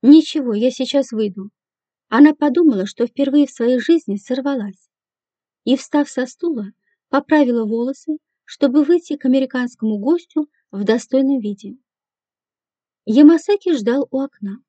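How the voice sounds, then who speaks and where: A woman narrating an audiobook in a measured, even reading voice. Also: sits high, no echo. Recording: dull, dry lo-fi recording.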